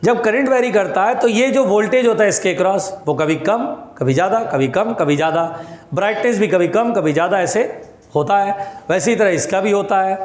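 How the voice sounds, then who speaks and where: A man's voice: high-pitched, normal speed, echoey room. A man teaching physics in a classroom, repeating his points, calling students "beta" and scolding anyone who chats. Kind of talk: classroom lecture.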